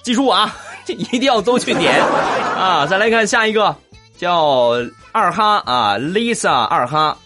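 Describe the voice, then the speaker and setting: A man's voice: high voice, lively intonation, unhurried, over loud music, a loud crowd. A man hosting a comedic podcast, reading listener comments with teasing jokes and frequent laughter. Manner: jokey, laughs often, teasing asides. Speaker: podcast host.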